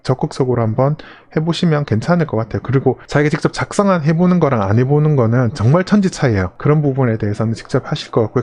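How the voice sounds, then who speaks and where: A man's voice: mid-range voice, a little mellow, slight background noise. A man hosting a live stream, answering a viewer's question in a loose, rambling way that keeps circling back to restart phrases. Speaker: investing channel host.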